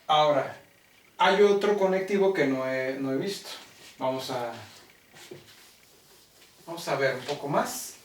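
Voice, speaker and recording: Slow Mexican man lecturing in echoey room. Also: fairly high pitch, a little hiss or hum. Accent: Mexican Spanish. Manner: deliberate, keeps checking with "¿sí?". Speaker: logic teacher. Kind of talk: classroom lecture. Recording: roomy classroom, mic far off.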